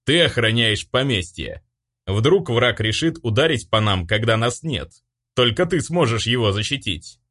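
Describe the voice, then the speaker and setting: A man voicing a stern old grandfather, head of a noble clan, who speaks with booming authority. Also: lively intonation, unhurried, a bit bright.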